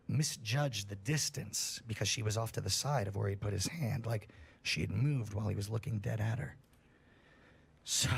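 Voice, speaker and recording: Guy reading a creepy story out loud on stream, raspy husky voice, swears a lot, gets higher when it gets scary. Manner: casual and profane, rises in pitch at tense moments. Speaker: livestream host reading a story. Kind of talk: reading a horror story aloud.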